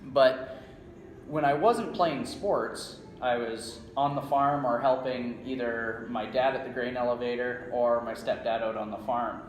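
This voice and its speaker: A strength coach from small-town Saskatchewan, Canada, speaks with a Canadian accent as an interview guest in an indoor room at a conference. His medium-pitched voice is fairly even and a little slow as he explains things conversationally, often checking in with "right?" The recording has a roomy echo, slight background noise and faint ambience.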